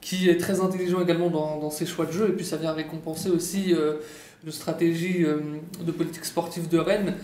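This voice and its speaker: A man's voice: fairly high pitch, flat delivery, fairly quick, a little mellow, roomy sound. A man giving his football opinions on a panel, hesitant and full of fillers and restarts. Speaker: football pundit. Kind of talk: casual panel chat.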